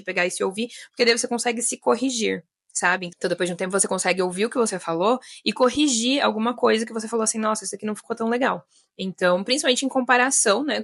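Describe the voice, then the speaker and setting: A woman's voice: fairly high pitch, creaky, a bit bright, no echo, clean studio sound. A Brazilian woman in her thirties, an English teacher, explaining tips in a chatty video lesson. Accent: Brazilian Portuguese. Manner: chatty, many fillers like né and sabe.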